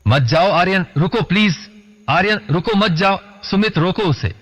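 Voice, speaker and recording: A man's voice: moderate pace, fairly bright tone. A man voicing a terrified young woman. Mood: pleading. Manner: shrill frightened pleading. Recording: lo-fi dull recording.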